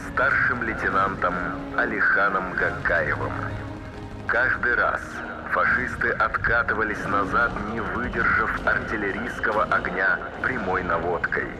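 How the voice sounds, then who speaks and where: Deep-voiced man, solemn Soviet announcer style. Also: rough recording. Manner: solemn, formal, measured declamation. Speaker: narrator. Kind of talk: scripted wartime bulletin narration in Soviet announcer manner. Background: loud music, artillery and engine sounds.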